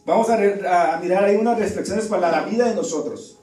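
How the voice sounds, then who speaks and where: A man preaching a sermon in a church, telling the story in an animated way and acting out the voices in it. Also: sits high, fairly quick, soft background music. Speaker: pastor. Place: church hall. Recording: echoey church room, far from mic.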